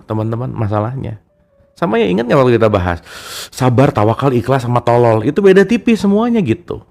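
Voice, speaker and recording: A man's voice: deep voice, a little mellow. A man giving a casual, chatty talk about a self-help book and speaking straight to his listeners as friends. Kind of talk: casual spoken book discussion.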